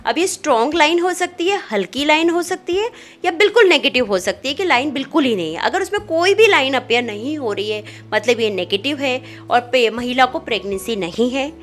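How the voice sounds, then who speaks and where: High-voiced woman gynecologist explaining. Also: brisk. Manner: calm, clinical explaining with fillers. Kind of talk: medical explainer conversation.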